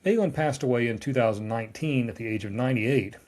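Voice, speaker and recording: A man's voice: mid-range voice, fast talker, darkish tone. A man, a lawyer reading a scripted explainer with wry, dry asides. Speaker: trademark lawyer recapping a newsletter.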